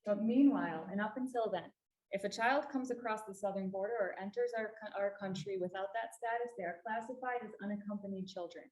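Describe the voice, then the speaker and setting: A woman's voice: mid-range voice, fairly quick, darkish tone. A woman from a refugee services agency giving a public talk to a library audience, explaining earnestly and stressing key points. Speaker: refugee services staff presenter. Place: library meeting room. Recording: echoey room.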